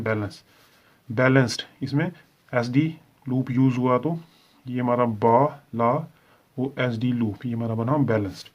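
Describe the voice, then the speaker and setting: A man teaching shorthand in a step-by-step lesson, speaking with a Hindi accent and patiently checking in with "theek hai" as he goes. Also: mid-range voice. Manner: explains patiently, repeats "ठीक है" often. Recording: slightly dull lo-fi sound.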